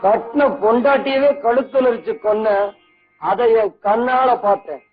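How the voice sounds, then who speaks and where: A man's voice: very high voice, moderate pace. An actor playing a young man who bitterly accuses his cruel father with mocking, taunting questions. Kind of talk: 1980s film acting. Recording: tinny old film soundtrack, faint music.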